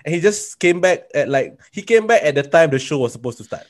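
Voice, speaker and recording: A man from Singapore, hosting a casual podcast chat over a video call and telling stories with lively asides. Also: fairly high pitch. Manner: animated, quick storyteller with frequent asides. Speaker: podcast host and comedian.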